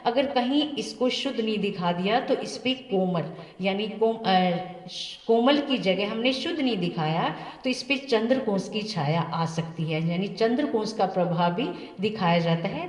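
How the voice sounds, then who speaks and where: A woman teaching music theory to students, patiently asking questions and answering them herself. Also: medium pitch. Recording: echoey room, voice from a distance.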